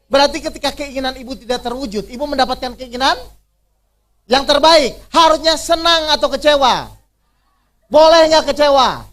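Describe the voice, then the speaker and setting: A man's voice: very high voice, fairly bright tone. A man leading an interactive religious workshop, quizzing his audience with rhetorical questions and repeating key phrases. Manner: repeats key phrases to drive points home. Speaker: Islamic preacher.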